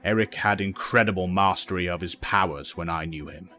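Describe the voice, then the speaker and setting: Man playing low-voiced, patient professor. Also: sharp tone, soft background music. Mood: grave. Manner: patient, measured, authoritative. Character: calm, grave older professor mentoring young mutants. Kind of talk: audio drama acting.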